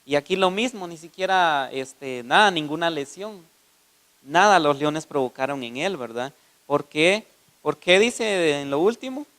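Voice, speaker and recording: Higher-voiced man preaching a sermon. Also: lively intonation. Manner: reads scripture aloud slowly, then explains with rhetorical questions; often ends phrases with a soft tag question.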